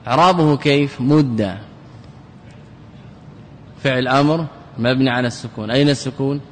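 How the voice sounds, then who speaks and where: In a reverberant hall with a little noise, a male sheikh delivers an Arabic grammar lesson, repeating sample phrases and questioning the class. His voice is mid-range and his speed is normal.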